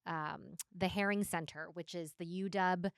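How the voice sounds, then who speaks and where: A woman co-hosting a podcast in casual chat, agreeable and quick to affirm. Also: on the low side, fairly even intonation, clear, resonant tone, no echo, clean studio sound. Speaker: podcast co-host.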